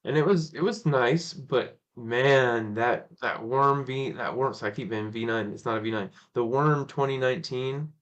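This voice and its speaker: A man's voice: medium pitch, lo-fi sound. A man hosting a live stream, chatting casually and rambling, often correcting himself and laughing. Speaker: cubing channel host.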